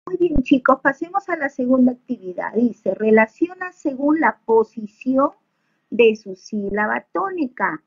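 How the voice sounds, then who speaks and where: Patient teacher woman, gravelly and husky. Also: high-pitched, animated, a little slow, highs cut off. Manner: patient and encouraging, frequent checking questions; addresses pupils as little children. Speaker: primary school teacher. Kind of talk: recorded online lesson over slides.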